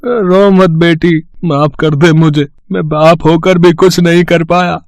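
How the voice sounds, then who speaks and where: A man's voice: fairly high pitch, fairly even intonation, unhurried, no echo, lightly acted. A man voicing a poor, humble father who sells chickpeas, in a meek, pleading and sorrowful manner, in a cartoon story.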